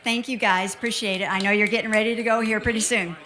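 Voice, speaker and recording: A woman's voice: medium pitch, fairly even intonation, fast talker, bright, forceful tone. An American woman making informal thank-you announcements as an event organizer. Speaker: festival organizer presenting thanks.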